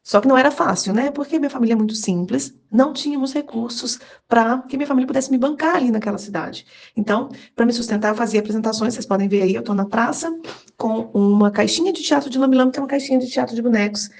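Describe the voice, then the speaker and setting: A woman, teaching a live online class. She talks quickly and keeps up a chatty, encouraging flow, often checking in with her listeners through a video-call microphone. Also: a little high, creaky, darkish tone. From Minas Gerais, Brazil. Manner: chatty and encouraging, with frequent tag questions to the class. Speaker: workshop instructor and cultural producer.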